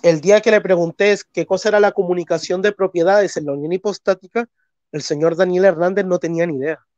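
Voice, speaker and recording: A congested Chilean man, throat-clearing as he goes, argues about theology on his live stream in a Chilean Spanish accent, earnest and insistent with repeated phrases. His high voice is fairly even in intonation, quick, and a little mellow, and the lo-fi sound has no echo.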